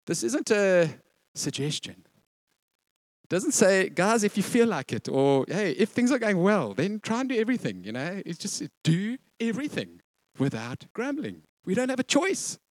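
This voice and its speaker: A man preaching with a high, sing-song voice that leaps all over the place. He's animated and playful, acting out quotes between the points of his sermon. The sound is close and dry. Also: moderate pace, dry recording. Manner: animated, acts out quotes, laughs often. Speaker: pastor.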